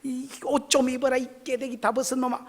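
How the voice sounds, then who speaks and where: Man acting out a scolding divine lord, coarse insults, high voice, echoey hall. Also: level tone, brisk. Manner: coarse rebuking insults, rising and forceful.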